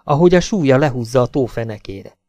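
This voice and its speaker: A tense, guilt-ridden young wife speaks in a gravelly register, as a male narrator reads her lines. The sound is dry, close and without room echo. She comes across like an audiobook character, read quietly rather than fully acted. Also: mid-range voice, expressive, natural voice. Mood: angry.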